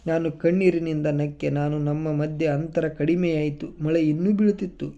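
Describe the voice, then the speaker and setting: A male storyteller reading a first-person story calmly and with feeling. His voice is slightly high but very dark and mellow. The recording has a dull, muffled sound. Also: normal speed.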